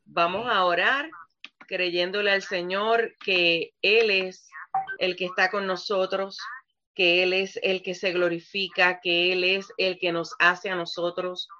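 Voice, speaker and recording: Woman pastor for a streamed ministry show: bright, forceful delivery over dull lo-fi audio. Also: on the low side, level tone, takes it slowly, slight background noise. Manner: fervent, keeps asking "¿verdad?". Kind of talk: live online ministry broadcast, prayer.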